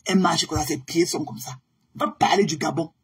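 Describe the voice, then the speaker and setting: A woman from Cameroon rants confrontationally on a live stream, her voice low-pitched and slightly rough, her pace brisk. The heated tirade is peppered with English phrases.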